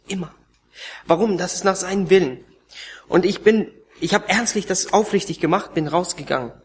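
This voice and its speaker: A man preaching a sermon and telling his own story, emotional, swinging between raised pleading and hushed, almost whispered passages. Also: high-pitched, slight background noise. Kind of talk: sermon testimony.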